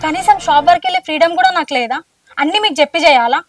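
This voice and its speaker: A woman's voice: high-pitched, lively intonation, very fast. A woman acting a suspicious, touchy young wife in a short film, accusing and tearful. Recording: distant mic, loud music underneath.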